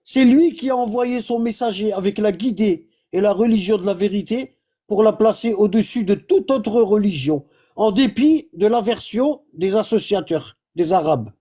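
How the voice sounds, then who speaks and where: A religious instructor with a high voice and dark tone speaks at a moderate pace. He gives informal religious teaching, explaining patiently, repeating himself and checking that listeners understand.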